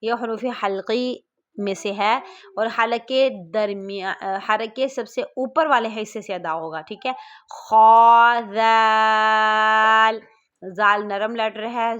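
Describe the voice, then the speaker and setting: A woman teaching Quran reading online, explaining letters plainly and drawing out each sound slowly as she recites it. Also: mid-range voice, a bit bright, muffled recording.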